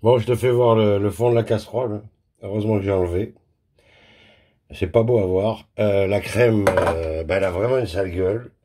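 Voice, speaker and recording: Speaking at a moderate pace in a fairly low, warm voice, a man hosts a casual cooking vlog from his home kitchen. He addresses the viewer while he works, making self-deprecating jokes about his mistakes and swearing crudely.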